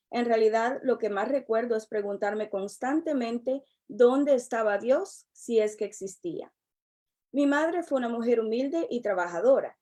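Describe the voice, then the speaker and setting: A middle-aged woman, a relationship coach giving a prepared personal testimony in a measured, earnest way. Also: a little high, dark tone. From El Salvador. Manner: measured, earnest, unhurried delivery.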